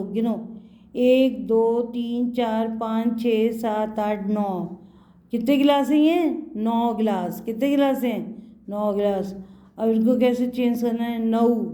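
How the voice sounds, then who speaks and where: A woman's voice: a little high, mellow. A woman teaching Hindi to young children, patiently repeating words for them to echo and mixing in English words.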